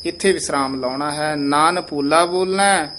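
A man teaching how to pronounce scripture, who says each phrase slowly and then explains the correction. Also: a little high, fairly bright tone, a little hiss or hum. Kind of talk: pronunciation lesson.

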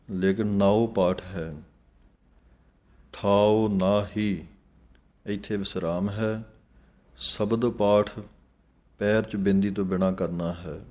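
Recitation teacher, male, low-pitched, unhurried and methodical, chants lines then breaks down pronunciation. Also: fairly even intonation, dark tone. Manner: slow, measured, chants lines then explains each word. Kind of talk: slow pronunciation lesson on scripture.

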